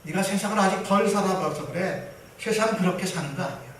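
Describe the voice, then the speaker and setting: A man's voice: high-pitched, brisk, far from the mic, slight background noise, natural voice. A man voicing a worldly middle-aged father who scolds his son and brushes off his faith. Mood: scolding. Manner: dismissive and scolding. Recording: roomy hall from afar.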